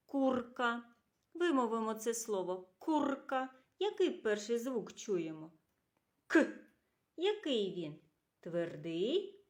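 A woman teaching a literacy lesson to young children, asking questions, praising answers and slowly drawing out sounds and syllables. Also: a little high. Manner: slow, clearly drawn-out sounds and syllables, asks questions and praises. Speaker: kindergarten teacher.

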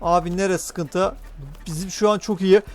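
A man with a Turkish accent giving excitable live gameplay commentary, urging his teammates on and chatting to his viewers. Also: sits high, normal speed, soft background music. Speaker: gaming YouTuber.

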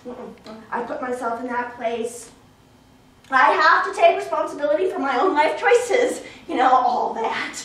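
An actress on a theater stage, heard from a distant room mic in an echoey space, voices a clingy, overeager young female friend in a play. Her pitch sits high, her intonation is lively and her pace measured, with a slightly bright tone. She gushes, talks over people and lets out nervous laughs.

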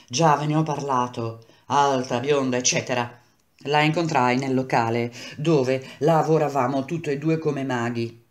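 A woman reading a novel aloud, using wide swings in pitch and loudness and slowing down to stretch key words for effect. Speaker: reader.

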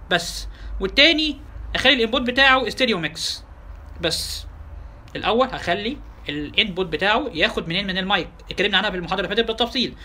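A man with an Egyptian Arabic accent giving a casual software tutorial, talking fast and asking his listeners rhetorical questions. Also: high-pitched. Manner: quick, chatty, addresses listeners directly with rhetorical questions. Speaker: software instructor. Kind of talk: tutorial lecture.

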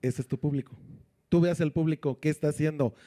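A man's voice: on the high side, fairly even intonation, mellow. A man, a sound system announcer, coaching others in a casual interview by firing off questions. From Puebla, Mexico. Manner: coaching, asks rapid questions. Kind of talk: casual interview, giving advice.

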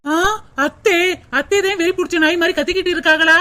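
A woman's voice: very high-pitched, steady tone, pushed and bright. Woman voicing a mocking young daughter-in-law. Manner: fast mocking chatter. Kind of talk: cartoon voice acting.

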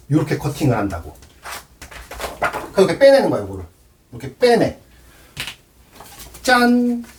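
A man's voice: mid-range voice, darkish tone, distant mic. A man giving a cello lesson, explaining with props and counting aloud. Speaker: cello teacher. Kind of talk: demonstration lesson.

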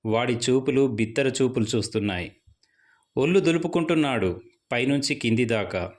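A young man narrating a first-person ghost story in a steady, suspenseful storytelling manner. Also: medium pitch, moderate pace.

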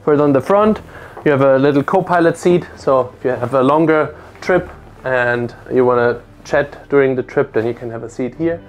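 This product walkthrough comes from a boat presenter in his thirties, speaking at medium pitch and normal speed into a lapel mic. He goes over a motor yacht on a lake, deck and cabins alike, methodically listing and explaining its features.

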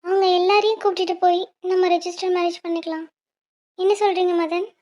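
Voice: very high voice, level tone, a little fast, a little mellow, highs cut off. A woman voicing a cautious, sincere young college student in a cartoon, reasoning earnestly and pleading through tears. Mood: soothing.

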